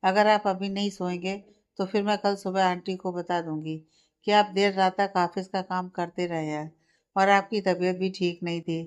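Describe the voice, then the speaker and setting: Storybook: sharp-tongued, stubborn young student wife, read by a woman. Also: fairly low pitch, little pitch movement, moderate pace, clear, resonant tone, close to an everyday voice. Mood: teasing. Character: stubborn, tired young woman studying for exams.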